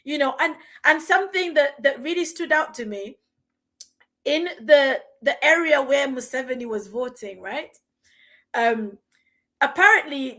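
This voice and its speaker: A woman's voice: high voice, bright, forceful tone. A woman, speaking as a podcast guest in a passionate, indignant, emphatic rant. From Uganda. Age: 40s.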